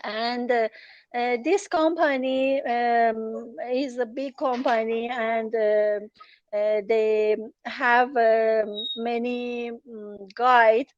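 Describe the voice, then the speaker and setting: An Iranian journalist and travel writer, a woman whose native language is Farsi, answers interview questions hesitantly, full of fillers and restarts. Her voice is on the high side and steady, and she speaks extremely slowly. The audio is lo-fi, with no room sound.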